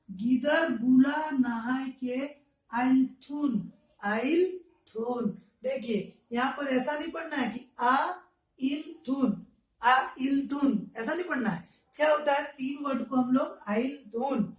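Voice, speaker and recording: A man teaching an online language lesson, repeating each example phrase slowly to show the pronunciation. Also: very high-pitched. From Jharkhand, India. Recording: echoey room, mic at a distance.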